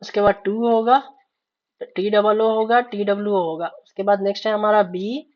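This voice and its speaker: A woman teaches beginners in a casual spoken tutorial, explaining each step patiently and checking in often. Her voice sits at a middling pitch. The recording is a little dull and lo-fi. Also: steady tone, moderate pace. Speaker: shorthand teacher. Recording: slightly dull lo-fi audio.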